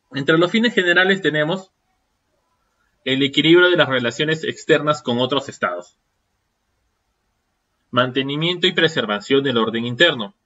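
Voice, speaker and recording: A man teaches an online seminar, stacking rhetorical questions and checking in with his listeners. His voice sits at a middling pitch. The audio is dull and a little lo-fi. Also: bright, forceful tone. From Peru. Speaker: seminar lecturer.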